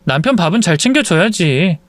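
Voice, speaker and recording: A man's voice: high voice, very animated, a little fast, fairly bright tone, dry recording. A man voicing a young woman in a story reading, a coy daughter-in-law speaking in a raised voice.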